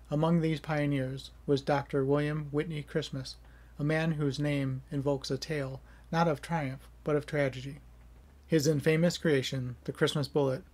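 A middle-aged history video creator sits in a home room lined with bookshelves, chatting casually at first and then reading scripted history narration. His delivery is somewhat monotone, and his pitch is fairly high.

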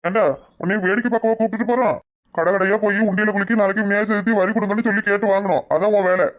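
A man's voice: high voice, fairly even intonation, very fast, a bit bright. A man voicing a bossy, teasing young village man, with a Kanyakumari Tamil accent.

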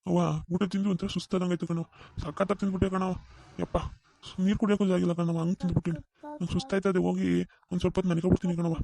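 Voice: medium pitch, little pitch movement, racing, vocal fry, warm tone, no echo. A performer voicing a greedy, lazy village man, wheedling in a cartoon. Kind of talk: cartoon voice acting.

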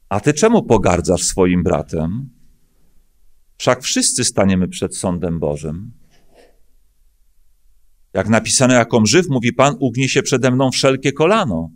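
Polish pastor preaching with emphatic questions. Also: male voice, medium pitch. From Poland. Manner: frequent hesitation fillers. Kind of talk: sermon. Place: church hall stage at a lectern. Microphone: lectern microphone.

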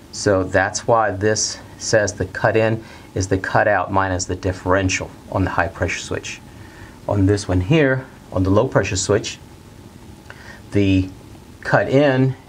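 A middle-aged man teaching a technical lesson at a whiteboard in a studio, talking plainly and steadily and repeating the key steps slowly. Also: lowish voice, slight background noise. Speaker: HVAC instructor. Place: bright indoor studio at a whiteboard.

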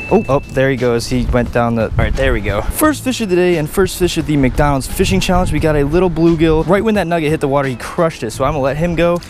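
An excitable young man in his twenties talks through a casual fishing vlog beside a pond, keeps throwing in "dude" and "literally", and his voice sits a little high. It was caught outdoors on a body-worn action camera with faint outdoor noise behind it. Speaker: fishing vlogger.

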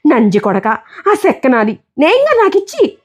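A woman voicing a desperate poor street boy who wails and shouts insults in a storybook reading. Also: high voice, wildly swooping pitch, unhurried, pitched above the performer's own voice, exaggerated voice. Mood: angry.

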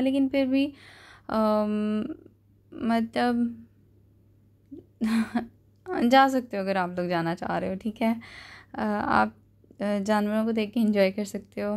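A young woman, giving a relaxed, hesitant review with many fillers as a vlogger. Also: mid-range voice. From Pakistan. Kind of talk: casual voice-over review.

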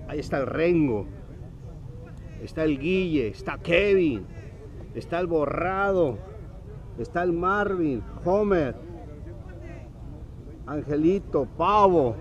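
A man's voice: on the high side, lo-fi sound. A man commentating on an amateur football match in an upbeat, effusive way. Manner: effusive greetings to viewers. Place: outdoors beside a park football field. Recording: outdoor recording with faint crowd noise.

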